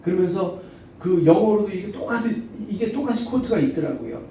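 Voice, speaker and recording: A middle-aged man preaching a sermon as pastor, telling stories in a halting way with many fillers. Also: high voice, very animated, mellow, slight background noise. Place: church sanctuary. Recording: echoey church hall from far off.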